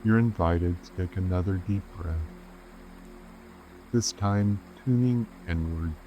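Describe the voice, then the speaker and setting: A man leads a calm grounding meditation as a guide, speaking gently and unhurriedly with measured pauses. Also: low voice, muffled recording. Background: rainforest sounds with insects, soft music.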